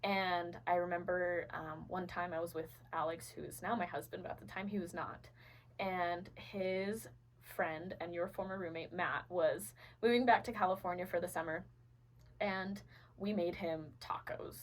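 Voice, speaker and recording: A woman's voice: lowish voice, fairly even intonation, moderate pace, a little hiss or hum, poor audio. A young adult woman from Venezuela, a podcast guest, telling her personal story earnestly with many fillers and restarts.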